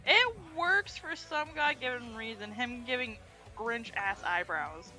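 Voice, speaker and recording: A woman's voice: on the high side, expressive, measured pace, pushed and bright. A woman chatting playfully while she draws, rambling about her character with laughs. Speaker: artist, streamer. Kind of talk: casual chat while drawing. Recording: faint music behind.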